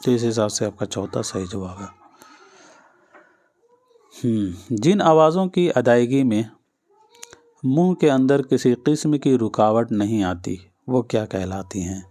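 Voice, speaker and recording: A man's voice: mid-range voice, pauses often, warm tone. A male teacher giving an exam-prep lesson, patiently repeating each answer and speaking straight to his students.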